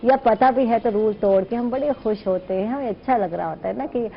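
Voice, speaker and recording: A woman's voice: fairly high pitch, a little fast, highs cut off, slight background noise. Earnest opinionated woman hosting a talk show. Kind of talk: casual talk show conversation.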